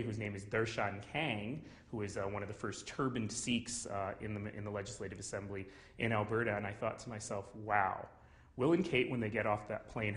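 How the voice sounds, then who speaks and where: A Canadian man in his forties speaks straight to camera from a small office, in a slightly low voice. He tells his stories earnestly, with an easy, conversational warmth. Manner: earnest, storytelling, warm chuckles. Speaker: city mayor. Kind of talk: personal talk to camera.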